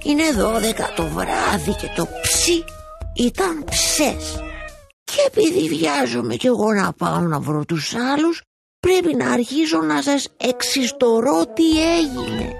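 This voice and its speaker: A woman's voice: high-pitched, creaky, soft background music, exaggerated voice. A woman voicing a lazy chatty bookshop tomcat. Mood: playful. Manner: playful, meowing, lively storytelling. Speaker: narrator. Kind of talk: storybook narration.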